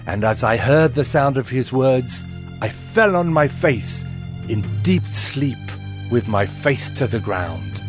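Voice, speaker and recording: Over a clear musical backdrop, a mid-range man voices Daniel, a male Hebrew prophet, humble and filled with awe as he relates his visions. The pace is slow and the tone grave, reverent and measured, as befits this dramatized scripture storytelling.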